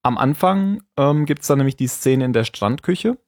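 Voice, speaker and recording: A man's voice: medium pitch, animated, normal speed, no room sound, clean studio sound. A man hosting a podcast, casually recapping an episode in a conversational way. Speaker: podcast host.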